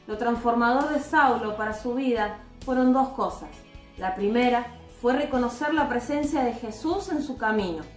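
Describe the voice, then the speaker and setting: A woman giving a devotional talk with a personal testimony, in an earnest, calm and measured way. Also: on the high side. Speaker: devotional speaker. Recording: roomy echoey recording.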